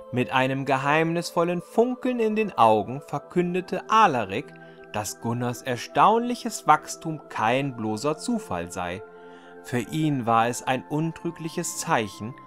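With a voice on the high side, this male storyteller reads a fairy tale in a deliberate, expressive, scripted storybook style.

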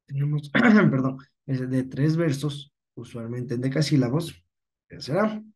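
A man's voice: mid-range voice, animated, a little slow, darkish tone. A man with an Ecuadorian Spanish accent, teaching a class patiently, often correcting himself and checking that students follow. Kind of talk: online class lesson.

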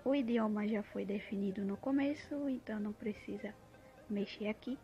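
A woman's voice: medium pitch, moderate pace, dull audio. A Brazilian woman giving an unscripted demonstration of an app as a tutorial host. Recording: music playing behind the voice. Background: clear background music.

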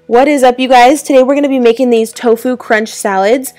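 A woman's voice: fairly high pitch, steady tone, brisk, a little mellow, soft background music. A woman in her twenties talking casually to camera as a lifestyle vlogger, upbeat and chatty with lots of ums and likes. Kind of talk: voice-over cooking tutorial. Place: bedroom with clothes rack behind. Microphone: camera framed from the waist up.

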